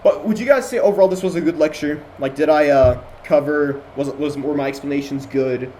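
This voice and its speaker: Over an online voice call, a young Jordanian man with an American accent leads a casual review session as a student lecturer, chatting and rambling with lots of fillers and restarts. He talks a little fast, pitched on the high side with a darkish tone. His computer mic picks up slight background noise.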